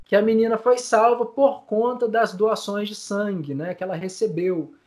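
A man speaks in a fairly high voice, telling stories to an interviewer. He sounds tearful and choked up. He stumbles, repeats words and fills his pauses as his voice breaks. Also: steady tone, darkish tone. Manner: many fillers, repeats words. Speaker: guest, community news group founder. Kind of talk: emotional storytelling in interview.

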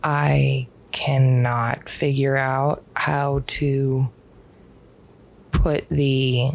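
Low-voiced woman chatting slowly. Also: creaky. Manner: relaxed, rambling, with fillers. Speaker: podcast host. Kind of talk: casual solo podcast chat. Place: in bed at home at night. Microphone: podcast microphone.

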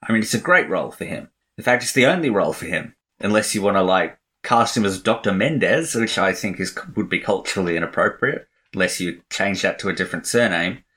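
A little fast and barely pausing, a low-voiced man with lively intonation and a fairly bright tone co-hosts a podcast. His movie review chat is casual, rambling, opinionated, and packed with fillers.

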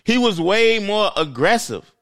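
Lively, blunt man arguing sports. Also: sits high, unhurried. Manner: blunt, profane, dismissive. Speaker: podcast co-host. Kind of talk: heated casual sports debate.

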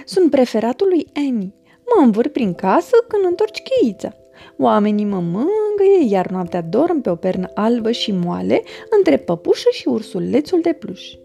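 A woman voicing a male wind-up toy mouse in a storybook, gentle and self-satisfied. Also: on the high side, very animated, creaky, soft background music. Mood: contented.

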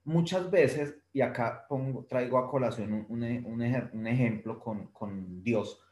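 A man co-hosting a relaxed talk show, recorded in a room with clear echo. He speaks at an ordinary pitch for a man and tells anecdotes in a storytelling manner, slipping into lively character voices for the people in his stories. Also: a little slow, slight background noise. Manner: storytelling, acts out quoted voices with lively shifts. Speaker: podcast co-host. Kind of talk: casual conversation. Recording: roomy echo.

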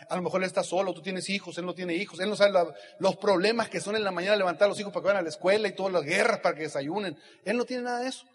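Un hombre de mediana edad con acento mexicano da un discurso motivacional enfático en una convención, hablándole directo al público. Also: male voice, sits high. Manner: emphatic, addresses listener directly. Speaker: motivational speaker. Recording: husky voice in reverberant hall.

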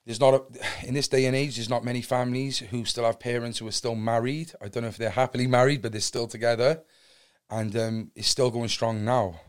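A man's voice: medium pitch, fairly even intonation, brisk, clean tone. A man in his thirties with a Cardiff accent, an interview guest telling his life story in an open, earnest, rambling way. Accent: Welsh (Cardiff). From Cardiff, Wales. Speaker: podcast guest. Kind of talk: candid personal storytelling.

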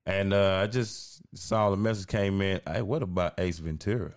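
A man's voice: deep voice, fairly even intonation, normal speed. A man co-hosting a podcast in casual chat, laid-back and slangy, often tagging on "you know what I mean". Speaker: podcast co-host.

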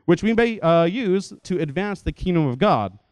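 A young adult man giving a lecture-style talk in a lively, conversational way, often checking in with his listeners. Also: high voice, moderate pace, clean tone, no echo. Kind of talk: lecture to an audience.

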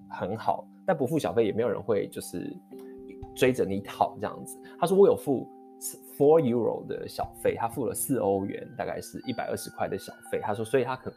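A man speaks in a low, grounded voice, recounting a story for a vlog. He talks in quick, animated bursts, stumbling and restarting as he gets heated. Soft guitar music plays faintly behind him. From Taiwan. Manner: animated, heated retelling of an anecdote; quick, rambling with many restarts. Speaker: vlogger.

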